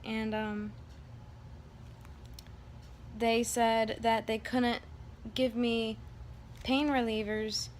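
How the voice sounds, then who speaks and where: A woman's voice: fairly high pitch, level tone, very slow, pauses often, a little mellow. A woman talking casually to her vlog audience, recounting a personal experience in a rambling, candid way. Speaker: vlogger. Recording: background room noise.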